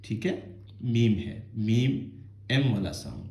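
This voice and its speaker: A man's voice: on the low side, sing-song, creaky, a little mellow, echoey room. A man teaching children Quran reading, patiently explaining and stretching out each letter sound in melodic recitation. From Azad Kashmir, Pakistan.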